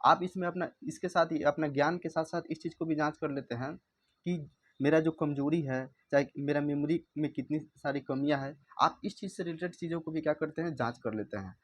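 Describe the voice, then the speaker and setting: Indian man teaching English words. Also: a little high. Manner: reads English slowly then explains in Hindi; repeats words aloud to drill pronunciation. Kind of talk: explaining a vocabulary book.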